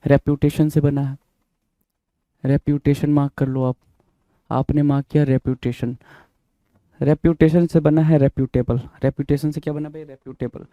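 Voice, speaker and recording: Male teacher, very dark and even-toned, dry close sound, repetitive question-and-answer style. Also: mid-range voice, no room sound. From India. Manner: repeats words, spells them out letter by letter; asks the class questions and answers them himself. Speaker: vocabulary teacher. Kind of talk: bilingual classroom explanation.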